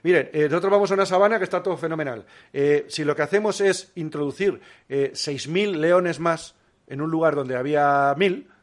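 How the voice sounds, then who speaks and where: A man's voice: a little high, fairly quick. A man guest talking casually in an interview, explaining with examples and rhetorical questions. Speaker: guest biologist.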